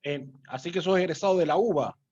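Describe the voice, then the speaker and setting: Man, rabbi hosting a video call, friendly and unhurried, slightly high voice, muffled dry audio. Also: darkish tone, slightly rough, dry recording. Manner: unhurried, friendly, frequent filler sounds. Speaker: rabbi and host. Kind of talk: casual video-call interview.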